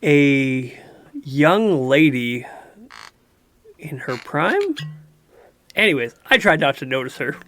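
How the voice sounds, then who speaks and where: A man's voice: a little high, very animated, slow pace, pauses often, fairly bright tone, soft background music. A man co-hosting a casual podcast, telling rambling stories and laughing often. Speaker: podcast co-host. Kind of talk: casual chat.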